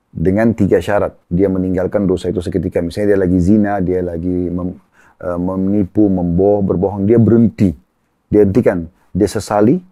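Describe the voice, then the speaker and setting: A man, an Islamic preacher, calmly explaining religious teaching in conversation and citing sayings point by point. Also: low-pitched, dry recording, clean studio sound. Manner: calm, measured, cites hadith and lists points.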